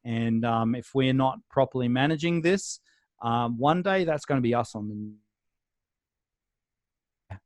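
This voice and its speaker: An Australian man, a guest on a video call interview, talking in a relaxed, rambling way with many pauses and restarts. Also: mid-range voice, no echo.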